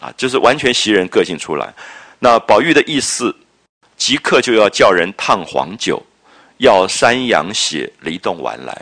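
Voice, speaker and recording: A literature lecturer with a low yet forceful voice talks about a classic novel, his pitch rising and falling lively. His phrasing is drawn-out and reflective, full of interjections, and he keeps checking understanding with rhetorical questions about whether listeners follow.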